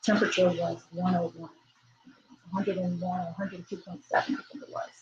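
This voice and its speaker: A woman's voice: lowish voice, level tone, darkish tone. Woman recounting her story, roomy noisy sound. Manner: measured, earnest retelling with repeated phrases. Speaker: widow sharing her loss. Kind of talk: personal testimony. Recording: roomy, dull, noisy recording.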